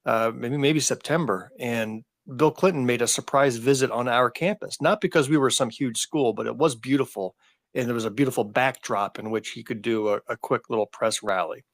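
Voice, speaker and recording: A man's voice: medium pitch, normal speed, no room sound. Middle-aged guy cohosting a podcast, rambles thru old stories, dry close sound. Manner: rambling anecdotal storyteller. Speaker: podcast co-host. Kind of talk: casual chat.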